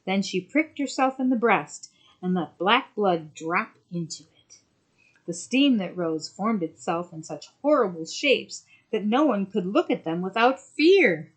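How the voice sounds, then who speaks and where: A woman storyteller reading a fairy tale aloud in an expressive way. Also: medium pitch, unhurried, breathy edge.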